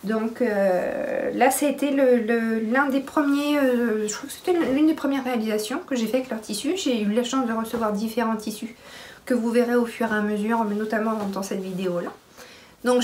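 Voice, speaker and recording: A pregnant woman chatting casually to camera about her sewing, with many pauses and restarts. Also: a little high, a little hiss or hum. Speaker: sewing vlogger.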